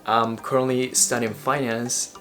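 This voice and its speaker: A young adult vlogger from Ecuador speaks earnestly and motivationally in his personal vlog, with an Ecuadorian Spanish accent and the occasional restarted phrase. His voice is medium-pitched and a bit bright, with little pitch movement and a measured pace.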